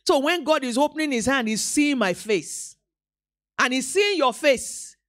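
A woman preacher, delivering an animated live sermon in a church, acting out quotes and bantering with the congregation. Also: high-pitched, measured pace. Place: church hall.

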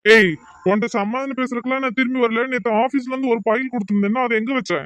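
A man's voice: very high-pitched, steady tone, fast talker, fairly bright tone, no echo. A man voicing an angry young husband in a cartoon drama, who scolds and threatens. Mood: threatening.

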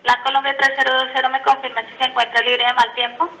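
A woman's voice: sits high, little pitch movement, fast. A woman air traffic controller giving procedural instructions to aircraft over the radio. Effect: aviation radio.

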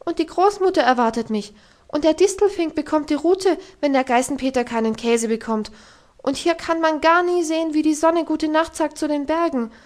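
A woman playing a homesick little girl, high and earnest, pleading as her feelings spill out in a storybook reading. The young voice stays bright and eager. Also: moderate pace, lightly acted. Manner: pleading, tumbling out her words. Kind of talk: audiobook reading.

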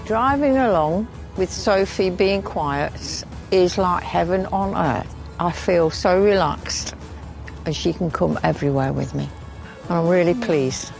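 An older woman, a dog owner, chatting casually in a car, warmly appreciative and often laughing. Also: lowish voice, a little slow, vocal fry, low-quality recording. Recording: music bed under the talk.

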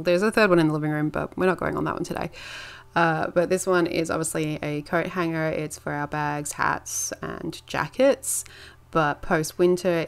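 A woman's voice: sits low, smooth. A woman narrating her home cleaning video in a casual, chatty voice-over, rambling a little with filler words.

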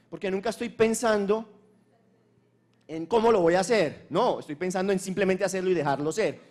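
Speaking from a launch event stage, this Colombian conference speaker gives an emphatic, repetitive motivational talk laced with crude slang. His voice sits high yet has a darkish tone.

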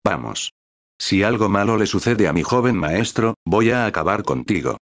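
A furious, threatening male steward in a storybook reading, done by a man. The voice sits very low and dry, barking threats without much change from the reader's own tone. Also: lively intonation, moderate pace, no echo. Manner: shouting threats.

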